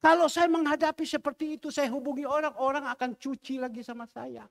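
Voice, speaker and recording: A male pastor, preaching a sermon as an animated storyteller who acts out the voices of the people in his stories. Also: extremely high pitch, fast talker, creaky. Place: large church hall. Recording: long reverb of a church hall.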